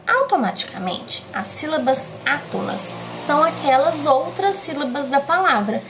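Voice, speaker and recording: A woman with a Brazilian Portuguese accent teaching a lesson, explaining slowly and stretching out key syllables for emphasis. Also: sits high, sing-song, background noise. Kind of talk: remote classroom lesson.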